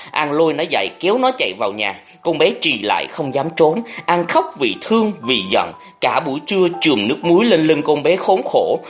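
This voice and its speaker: Man reading a novel aloud expressively. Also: fairly high pitch. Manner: expressive storytelling. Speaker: audiobook narrator. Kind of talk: scripted narration of a novel.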